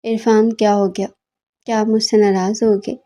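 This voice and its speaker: A pouting young wife from a romance audiobook, quick to scold and quick to make up, read by a female narrator. The voice is mellow and unforced. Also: medium pitch, flat delivery, natural voice. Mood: pleading. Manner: pouting, pleading.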